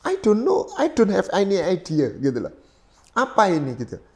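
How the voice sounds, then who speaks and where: A middle-aged man from East Java, a pastor telling his personal testimony in an interview, animated and swinging between loud and soft as he acts out his own prayers, with English phrases dropped in. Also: high voice, moderate pace. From East Java, Indonesia. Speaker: pastor, guest.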